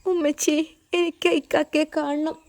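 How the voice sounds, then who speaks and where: A woman's voice: high-pitched, little pitch movement, moderate pace, no room sound, voice pushed up. A woman voicing a tearful little girl who pleads and clings in a told story. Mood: pleading.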